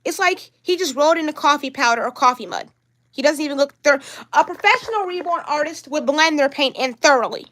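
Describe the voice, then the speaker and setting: A woman's voice: high voice, animated, brisk, fairly bright tone. A young woman on a livestream vlog, talking in an upset, rambling way and repeating herself. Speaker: vlogger.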